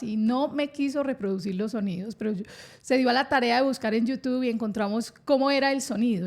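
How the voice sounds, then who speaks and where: A woman's voice: on the high side, a little mellow. A woman hosting a science podcast, explaining with enthusiasm and an occasional laugh. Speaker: podcast host.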